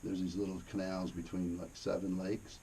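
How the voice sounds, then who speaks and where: A man with a low, gravelly voice tells casual stories in a laid-back, rambling, foul-mouthed way. The tone is mellow, and the recording carries faint noise and cave ambience. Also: flat delivery, normal speed, low-quality recording. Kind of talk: casual anecdotal storytelling. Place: inside a cave during a tour.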